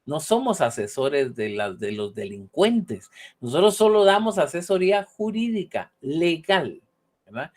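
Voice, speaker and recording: A man's voice: a little high, sing-song, measured pace. A man lecturing on law, often ending points with a questioning tag and acting out short example dialogues. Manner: ends points with a questioning "¿verdad?". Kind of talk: online university lecture.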